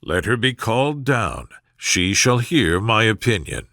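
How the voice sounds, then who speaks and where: A man voicing a dry, sardonic older father from a classic novel, speaking in calm, deliberate deadpan. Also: on the low side, no room sound, full character voice. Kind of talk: storybook character voice in classic novel reading.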